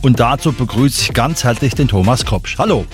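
A man hosting a podcast, interviewing a guest with formal, measured questions. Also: medium pitch, lively intonation, faint music behind.

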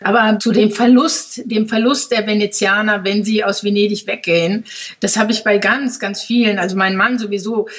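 Husky-voiced woman in her fifties. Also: medium pitch, steady tone, normal speed, a bit bright. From Ruhr area, Germany. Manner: reflective, discursive, frequent filler phrases. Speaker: interview guest. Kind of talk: conversational interview answers.

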